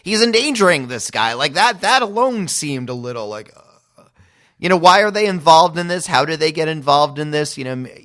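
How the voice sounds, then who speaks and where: A man's voice: fairly high pitch, lively intonation, a little fast, a bit bright. A man co-hosting a podcast in casual critical chat, easygoing, often trailing off and restarting. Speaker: podcast co-host.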